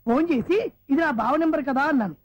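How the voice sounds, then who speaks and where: An actor playing an excitable, nosy young friend in a film comedy, chattering rapidly. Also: male voice, very high voice, no room sound, lo-fi sound. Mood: eager.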